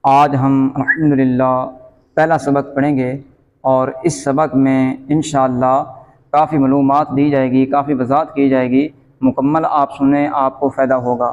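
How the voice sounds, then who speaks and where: A man with a Pakistani Urdu accent teaching Quran reading in a slow, patient lesson, repeating each letter sound loudly. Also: mid-range voice, flat delivery, long reverb tail, phone-quality sound.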